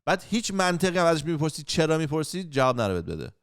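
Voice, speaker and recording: A man's voice: on the high side, very animated, clear, resonant tone, no room sound, studio quality. A middle-aged man hosting a chat podcast, bluntly acting out whole conversations and swearing freely. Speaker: podcast host. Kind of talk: casual chat.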